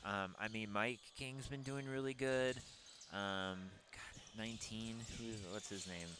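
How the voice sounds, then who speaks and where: A man's voice: lowish voice, measured pace, noisy background. A man with a Minnesota accent doing casual, rambling sports commentary with lots of fillers. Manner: chatty, rambling, full of fillers.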